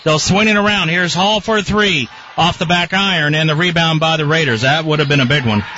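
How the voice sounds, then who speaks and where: A man's voice: a little high, a little fast. A man doing live play-by-play basketball commentary as a radio announcer. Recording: dull radio feed, loud gym noise. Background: gym ambience, bouncing basketball.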